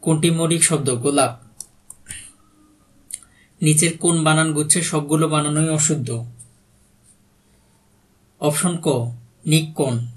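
An exam prep tutor with a Bangladeshi Bengali accent reads quiz questions slowly, with long pauses, in a voice on the high side with fairly even intonation. He states each answer plainly, then briefly explains it.

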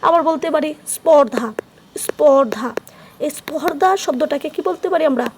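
A woman's voice: sits high, moderate pace, darkish tone, slight background noise. A woman with a Bangladeshi Bengali accent teaching an exam-prep grammar lesson, asking questions and then answering them herself and repeating the key terms.

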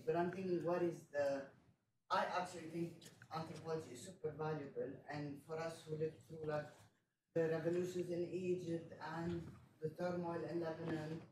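A woman's voice: low-pitched, steady tone, moderate pace. A woman in the audience of a panel, asking a long, searching question with many restarts. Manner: searching, restarts often, earnest. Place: large lecture room. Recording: echoey lecture hall, distant mic, noise.

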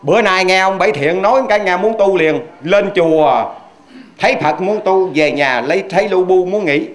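A Buddhist preacher with a Southern Vietnamese accent delivers a homely storytelling sermon. His voice is notably high for a man. He speaks in a chatty way and keeps turning to the audience with rhetorical questions. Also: moderate pace. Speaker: Hoa Hao Buddhist preacher.

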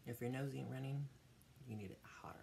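A young adult with a gravelly voice, chatting casually between mouthfuls of crunchy chips in a home eating video. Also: medium pitch, fairly even intonation, mellow, a little hiss or hum. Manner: eating crunchy chips while talking, with pauses to chew. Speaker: vlogger hosting an eating video. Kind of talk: casual eat-with-me mukbang chat. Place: small dim room at home.

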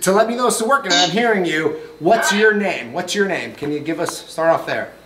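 A man's voice: high voice, expressive, moderate pace. A man hosting a ghost-hunting video inside an empty school, rambling casually and talking to unseen spirits, his voice echoing heavily off the bare walls. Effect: heavy echo bouncing around an empty building. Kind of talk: casual paranormal investigation vlog. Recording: echoey empty school hall with faint hiss.

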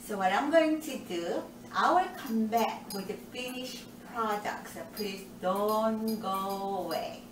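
In her own kitchen, an older woman hosting a cooking show talks through a recipe in a slow, cheerful, medium-pitched voice. She goes step by step and mentions nutrition along the way, while the distant camera gives her a roomy echo and catches steady household noise.

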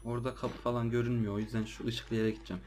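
A man's voice: mid-range voice, flat delivery, rapid-fire, a little mellow, slight background noise. A man with an ordinary, middle-range voice chats loosely to his audience as he plays. He sounds jittery and easily startled, and his casual talk jumps into yelps. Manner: jumpy, easily startled, slangy chatter to viewers. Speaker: let's play gamer. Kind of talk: casual gameplay commentary.

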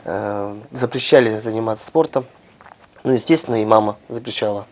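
A man of about thirty from the Altai Republic, telling his life story as a studio guest, speaking in a halting, modest way on a lapel mic. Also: on the low side. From Altai Republic, Russia. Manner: halting, many fillers and restarts, plain and modest. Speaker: guest, sambo world champion. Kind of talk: interview, personal story. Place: small TV studio with sofas.

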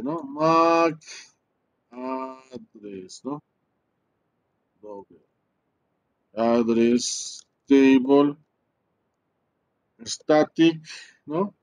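A man walks through a networking tutorial at his computer. His voice sits a little high and he speaks slowly, pausing often. He thinks aloud, mutters to himself and keeps checking in with tag questions. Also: darkish tone. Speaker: networking instructor. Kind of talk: screen-recorded tutorial.

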